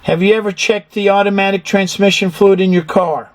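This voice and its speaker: A man's voice: sits high, fairly even intonation, brisk. A man teaches like a hands-on instructor. He explains technical details step by step and puts questions to his learner as he goes. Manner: methodical, quizzes the learner. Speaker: instructor giving an engine room tour.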